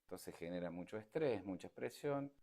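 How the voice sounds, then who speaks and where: A man's voice: low-pitched, lively intonation, moderate pace, warm tone. A man giving an informal lecture to an online audience over a video call, talking in a repetitive, emphatic, conversational way. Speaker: speaker giving a talk.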